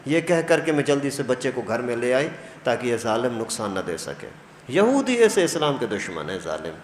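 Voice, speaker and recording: A male religious teacher giving a storytelling lesson in a mosque, acting out the dialogue. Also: mid-range voice. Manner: animated storytelling, acts out dialogue. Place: mosque hall. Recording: echoey hall, faint noise.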